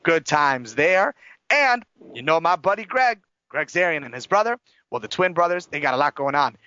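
A man's voice: fairly high pitch, lively intonation, moderate pace, pushed and bright, no echo, highs cut off. A man hosting a casual entertainment chat show, talking emphatically and gossipily in folksy slang. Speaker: talk show host.

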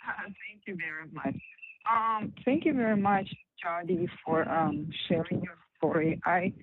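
A woman in her thirties calling in to a talk show, hesitant and halting, her phone line breaking up so her voice cuts in and out. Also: lowish voice, breathy edge. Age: 30s. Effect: phone line breaking up, voice cutting in and out. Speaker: caller. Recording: tinny phone line, cutting out.

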